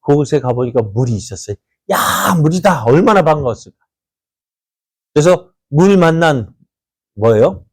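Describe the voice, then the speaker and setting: This pastor's sermon comes at a medium pitch and normal speed, with frequent pauses and no echo. Animated, he asks his congregation rhetorical questions and acts out quotes from the story.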